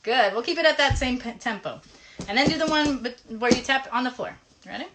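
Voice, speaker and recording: A children's live show host, this woman speaks fairly quickly in a high voice. She runs an interactive play session for kids, teaching and singing a hand game and directing them with encouragement and instruction. The live stream audio is noisy and has clicks.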